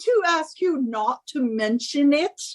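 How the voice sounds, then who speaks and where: A woman with a high-pitched voice and lively intonation takes her time playing a henpecking wife in a radio suspense drama. The character is a bossy British wife, shrill and imperious, nagging and scolding with theatrical emphasis in a smugly insistent mood.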